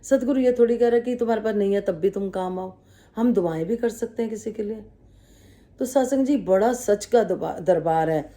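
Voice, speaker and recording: Humble woman telling a devotional story, mellow voice. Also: medium pitch, moderate pace. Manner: humble, calls herself the servant and addresses listeners respectfully; earnest storytelling with quoted dialogue. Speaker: devotional speaker. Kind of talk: spiritual testimony talk.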